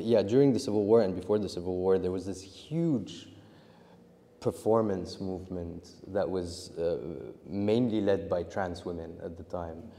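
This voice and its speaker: In a large hall, a young man with a low, mellow voice answers interview questions about his film. The filmmaker rambles and often restarts as he talks.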